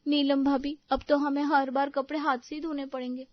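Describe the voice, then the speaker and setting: A woman's voice: high-pitched, little pitch movement, normal speed, no echo, highs cut off, pitched above the performer's own voice, close to an everyday voice. Woman doing a grumbling young daughter-in-law. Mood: complaining. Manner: complaining, chatty.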